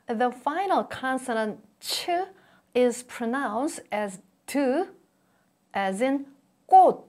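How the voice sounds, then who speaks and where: A middle-aged woman teaching a scripted language lesson, enunciating deliberately. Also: fairly high pitch, darkish tone. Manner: slow, deliberate enunciation with repeated model words.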